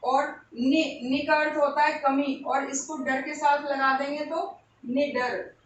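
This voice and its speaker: Female teacher, high voice, deliberate exam-prep delivery, faint hum behind. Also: fairly even intonation, dull audio. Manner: slow, repeats each word for emphasis. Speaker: Hindi teacher. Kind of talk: exam-prep grammar lesson. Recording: echoey room, voice a bit far from the mic.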